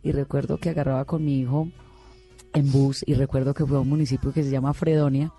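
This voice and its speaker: A woman's voice: very deep voice, flat delivery, fast, mellow, slightly rough, soft background music. A middle-aged Colombian woman, a singer, telling her life story in an earnest, heartfelt way with many restarts. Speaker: singer being interviewed. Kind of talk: emotional personal storytelling.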